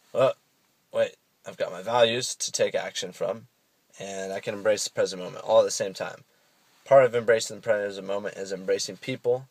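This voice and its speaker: Gravelly young man rambling casually. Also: on the low side, dry recording. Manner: rambling, profane, with many fillers. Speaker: vlogger. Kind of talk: casual self-help monologue.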